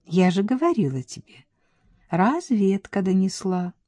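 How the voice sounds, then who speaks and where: A woman's voice: medium pitch, very animated, a little slow, mellow, dry recording. Milka, a coquettish young woman, read by a woman. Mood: teasing. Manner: coquettish, teasing, talkative.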